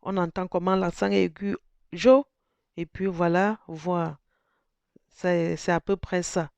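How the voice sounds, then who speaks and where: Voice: mid-range voice, flat delivery, unhurried, creaky, clean tone, dry recording, lo-fi sound. A presenter talking through a phone tutorial step by step, thinking aloud with many restarts and sounding out vowel tones.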